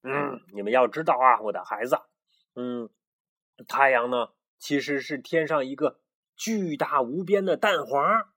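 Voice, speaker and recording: A man voicing a pompous old know-it-all rooster who clears his throat before he lectures, in a storybook read-aloud. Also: mid-range voice, a little slow, fairly bright tone.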